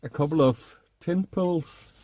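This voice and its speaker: A middle-aged man speaks haltingly in a casual demonstration vlog, recorded inside a small minivan camper. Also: fairly high pitch, background noise. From Denmark. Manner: hesitant, halting delivery while working. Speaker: vlogger. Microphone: camera a short distance away.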